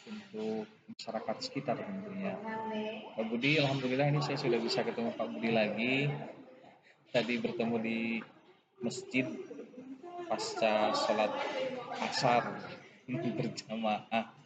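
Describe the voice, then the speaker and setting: A man, interviewing a clinic owner in casual talk, chatty, with laughs between phrases. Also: fairly low pitch. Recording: dull lo-fi audio with loud background noise.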